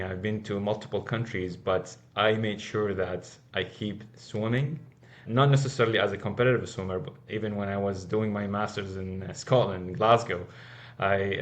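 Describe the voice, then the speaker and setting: A man from Iraq, a podcast guest answering questions earnestly and often restarting his sentences. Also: fairly low pitch. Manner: earnest, with frequent restarts and repeated words. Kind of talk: casual interview answers.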